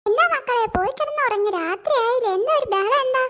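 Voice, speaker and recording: A fussing cartoon mother with a very high voice, half scolding, half soothing her children, as a woman puts her on. She talks in quick, homely bursts. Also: a bit bright. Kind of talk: cartoon voice acting.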